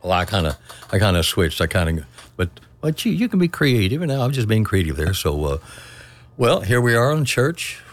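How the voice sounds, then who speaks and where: An older man preaching on a church radio program, reading scripture in a folksy, halting way and correcting himself as he goes. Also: on the low side, big pitch swings.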